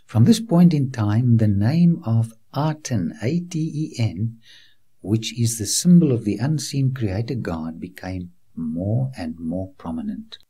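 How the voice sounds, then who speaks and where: Slow, husky male documentary presenter. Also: fairly low pitch, expressive, warm tone. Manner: speaks directly to the viewer as a friend, earnest and reassuring; guides the viewer like a tour guide on location. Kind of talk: scripted documentary narration with preaching asides.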